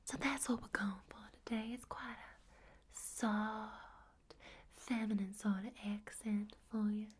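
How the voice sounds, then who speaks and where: A woman voicing a genteel Southern belle with an American Southern accent, whispering softly with endearments. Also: medium pitch, fairly even intonation, slow, breathy edge. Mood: soothing. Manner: soft whisper, endearments like darling. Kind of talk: ASMR accent roleplay.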